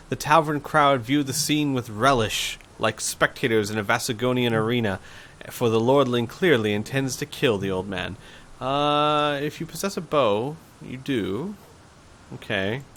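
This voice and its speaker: Male gamebook narrator, medium pitch, reads story prose with informal asides. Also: fairly bright tone. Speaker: host and reader. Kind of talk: reading a gamebook aloud with casual asides.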